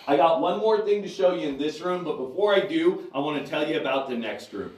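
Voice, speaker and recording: A man's voice: on the high side, animated, brisk, darkish tone, distant mic. Man guiding a tour, cave echo. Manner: friendly, giving directions and safety tips to visitors. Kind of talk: guided tour talk to a group. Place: underground cave. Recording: echoey cave, voice heard from afar.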